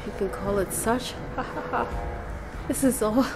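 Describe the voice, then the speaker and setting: A woman's voice: a little high, moderate pace, lightly acted, poor audio. A woman voicing an arrogant villain, reading his lines in a haughty, mocking way. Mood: gloating. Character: gloating, arrogant male villain. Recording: game music underneath.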